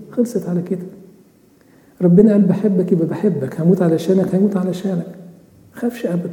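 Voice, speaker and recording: A man's voice: high-pitched, dark tone. A man with an Egyptian Arabic accent preaching a sermon, asking rhetorical questions and answering them himself. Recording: echoey hall reverb.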